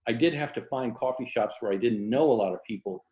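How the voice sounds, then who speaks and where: Talking fast in a mid-range voice, a mature writer and former journalist from Tampa, Florida, answers interview questions in a casual, reflective way. The recording sounds muffled, with a roomy echo.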